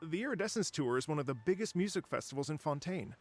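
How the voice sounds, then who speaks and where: A man voicing a polite, dreamy wandering musician in a video game, who speaks in a gentle, courteous and wistful way. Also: on the high side, expressive, quick pace, faint music behind. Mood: storytelling.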